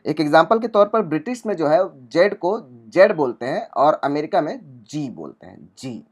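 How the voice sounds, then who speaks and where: A man's voice: fairly high pitch, sing-song, moderate pace. A man teaching spoken English, explaining step by step and repeating each sound and example word while reading from notes on a laptop.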